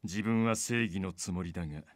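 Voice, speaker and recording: An actor playing a calm criminal mastermind in a Japanese game, monologuing with slow, theatrical menace. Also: male voice, low voice, dry recording, close to an everyday voice. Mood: smug, theatrical. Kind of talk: Japanese visual novel game voice acting.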